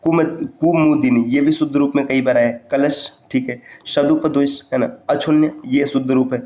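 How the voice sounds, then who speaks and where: A man's voice: medium pitch, steady tone, moderate pace, a little mellow, roomy sound. A man teaching a Hindi spelling lesson for exam preparation, going word by word and repeating each correct form, telling students what to remember. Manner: addresses students directly to remember points.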